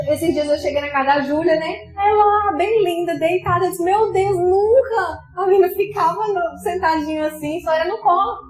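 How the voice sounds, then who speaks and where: Brazilian woman pastor, high passionate sermon voice, echoey church hall, faint music under her. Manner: impassioned, swings between loud outbursts and soft asides. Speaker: pastor preaching. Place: church sanctuary.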